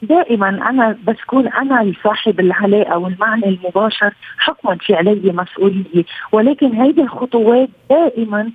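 A woman with a Lebanese accent, a psychoanalyst and family counselor, calmly explaining her points over a low-quality remote audio stream. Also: fast, slightly rough, no room sound. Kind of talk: explanatory interview answers. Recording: tinny phone-like remote line.

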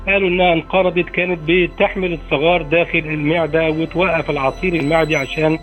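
An Egyptian man explaining informally as an expert, halting often over filler phrases. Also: a little high, level tone, a bit bright. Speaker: expert interviewee. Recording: narrow, phone-like sound. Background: faint music.

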